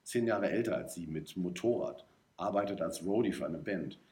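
A laid-back, evasive grown man, read by a male storyteller. The voice is low and dry in manner, with lively pitch, sounding out in a roomy space. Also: moderate pace. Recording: roomy echo.

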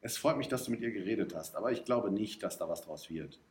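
A laid-back, evasive grown man, read by a male storyteller. The voice is low and dry in manner, with lively pitch, sounding out in a roomy space. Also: quick pace, slight background noise, natural voice. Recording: roomy echo.

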